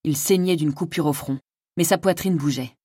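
A woman narrating a fantasy audiobook in the first person, measured and dramatic. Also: low-pitched, darkish tone, breathy edge, dry recording, clean studio sound.

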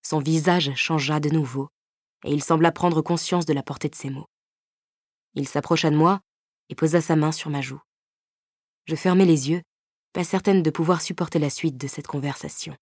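A woman narrating a first-person novel in a measured, expressive reading. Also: deep voice, no room sound, clean studio sound. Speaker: audiobook narrator.

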